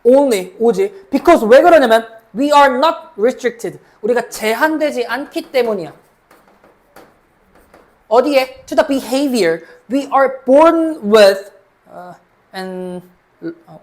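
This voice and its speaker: A woman lecturing as a cram school English teacher, reading English sentences slowly, then explaining them in Korean and checking in with her students. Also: fairly high pitch, lively intonation, darkish tone. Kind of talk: mock exam explanation lecture.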